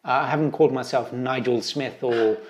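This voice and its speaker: A man's voice: medium pitch, steady tone, fairly quick, slight background noise. British guy being interviewed, earnest and chatty, drifts off on tangents. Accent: British English. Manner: earnest, digressive. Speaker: interview guest, travel writer. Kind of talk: conversational interview answers.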